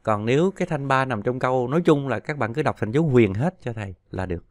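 Male language teacher, mid-pitched, patient, stretches example syllables; dry recording. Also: expressive, no room sound. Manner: patient, drawn-out model syllables. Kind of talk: explaining pronunciation lesson.

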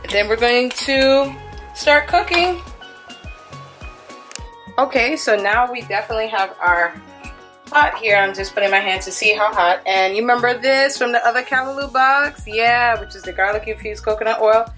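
A woman's voice: fairly high pitch, moderate pace, bright, forceful tone, faint music behind. Chatty woman cooking in her kitchen. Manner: chatty, upbeat, talks through each step. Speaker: cooking vlogger. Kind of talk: casual cook-along demonstration. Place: home kitchen at the stove.

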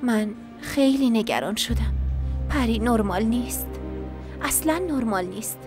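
A woman's voice: a little high, expressive, music in the background, close to an everyday voice. A woman dubbing a longtime friend who earnestly voices her worry about a troubled woman. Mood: worried. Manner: worried, earnest. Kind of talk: Persian dub of a TV drama.

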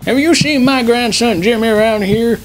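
A man's voice: very high-pitched, normal speed, crowd noise, low-quality recording. A man voicing a forgetful, cheerful old grandpa war veteran in a folksy, rambling grandpa voice for online game role-play. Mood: bewildered.

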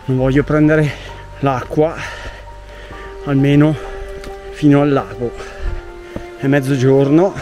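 A man's voice: medium pitch, fairly even intonation, slow pace, long pauses. A man talks his way up a mountain trail, narrating to a camera he carries as he walks, in a chatty, thinking-aloud manner. He is recorded outdoors, with faint music underneath his voice. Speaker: hiking vlogger. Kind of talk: casual hiking narration to camera. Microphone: camera carried while hiking.

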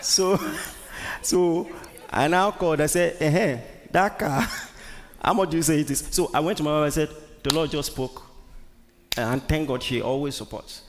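A man's voice: on the high side, normal speed, a faint crowd, a little hiss or hum. A man with a Nigerian accent preaching a sermon as pastor, emphatic, repeating words and questioning the congregation. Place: large church hall. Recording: long church-hall reverb.

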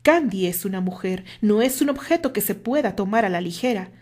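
A woman's voice: mid-range voice, animated, brisk, a little mellow, close to an everyday voice. Brief: woman playing confident mocking rival, firm and cutting, storybook reading. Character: self-assured man, firm and mocking rival.

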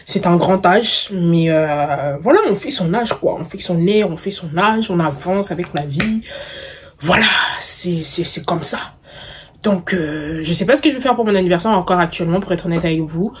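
Speaking at a normal pace with a lowish voice, this young vlogger replies to viewer questions over a little hiss or hum. She's early twenties, from the Paris suburbs with Congolese roots, and her casual, playful slang carries a suburban Parisian accent plus English catchphrases.

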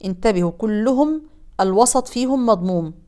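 A woman teaching Quran recitation rules, explaining briskly and then drawing out example words very slowly. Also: medium pitch, lively intonation, mellow. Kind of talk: tajweed lesson with slow recited examples.

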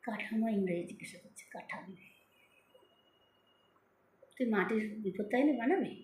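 A middle-aged woman vlogging at home into her phone. She speaks with a soft, slightly lisping, childlike manner and takes her time over words to say them clearly. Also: mid-range voice, expressive, moderate pace, echoey room, slight background noise. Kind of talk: casual chat to viewers. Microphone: phone camera.

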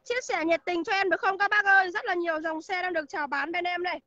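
A woman's voice: very high voice, fairly even intonation, fast, sharp tone, no echo, dull audio. A woman selling used cars on a livestream, listing features and prices in a chatty way and greeting viewers by name. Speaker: used car seller. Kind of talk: livestream sales pitch. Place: outdoor used car lot.

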